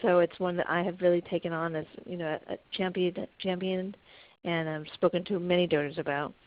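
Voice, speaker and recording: Woman camp director, earnest, restarts a lot; fairly low voice over a dull call line. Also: fairly even intonation, brisk. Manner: earnest, storytelling with many restarts. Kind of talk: webinar talk. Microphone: conference call. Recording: muffled conference call audio.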